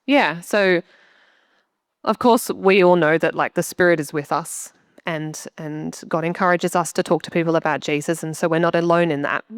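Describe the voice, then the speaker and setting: A woman's voice: on the low side, normal speed, clean tone, no echo, studio quality. A young woman sharing a heartfelt testimony in a church interview, chatty and earnest. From Australia. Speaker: church member interviewed on stage.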